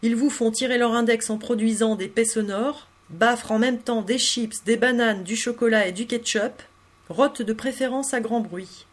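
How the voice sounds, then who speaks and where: Female audiobook narrator, slightly high voice, intimate and expressive first-person literary reading. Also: moderate pace. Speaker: audiobook reader.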